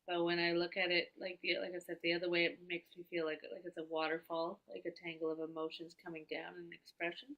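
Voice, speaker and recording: A woman client in an art therapy session, describing her feelings haltingly and searching for words. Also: on the low side, completely flat delivery, dull audio.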